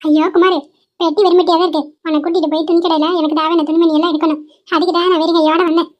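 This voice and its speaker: A woman's voice: extremely high pitch, flat delivery, racing. A woman voicing a bossy, demanding grandmother in a dubbed cartoon, speaking in a scolding, teasing way. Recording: dull lo-fi recording.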